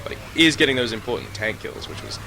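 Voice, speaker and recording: A man's voice: mid-range voice, quick pace, bright, forceful tone, a little hiss or hum. A man co-commentating a live esports match with dry, wry banter.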